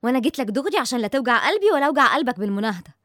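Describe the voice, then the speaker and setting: A determined Egyptian doctor in a radio serial, speaking very fast in a fairly high voice. She is assertive and persuasive. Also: very animated, a bit bright, dry recording, clean studio sound. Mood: coaxing. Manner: assertive, coaxing. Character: determined, persuasive female doctor investigating a mystery. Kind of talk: radio drama acting.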